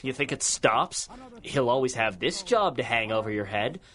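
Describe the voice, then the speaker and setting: Voicing a menacing, mocking old policeman in a 1930s radio crime show, an actor sounds smug as he needles someone with folksy tough-guy slang. His mid-range voice has lively intonation and a slight brightness, moves at a moderate pace, and stays close to how he'd normally talk.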